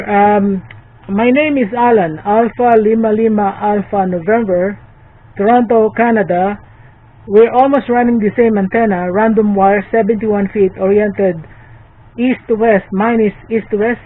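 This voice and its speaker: A man making an amateur radio contact, heard over a fading shortwave radio signal, talking haltingly with many fillers. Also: sits high, steady tone. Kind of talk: ham radio contact exchange. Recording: narrow-band shortwave radio with faint static.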